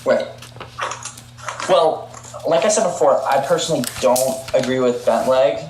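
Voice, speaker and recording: A man's voice: mid-range voice, darkish tone. Young man on a roomy, humming video call. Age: young adult. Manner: easygoing, quick agreeing replies. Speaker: podcast co-judge. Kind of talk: casual podcast chat. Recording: roomy video-call audio with faint hum.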